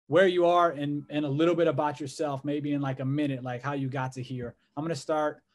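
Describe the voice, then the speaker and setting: A man in his thirties hosts a video call from a room at home, voice sitting a little high. He rambles casually, restarting phrases and piling on fillers as he explains his plans. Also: steady tone, brisk. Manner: rambling, filler-heavy, gestures a lot. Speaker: host of a coaching network. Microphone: video call webcam.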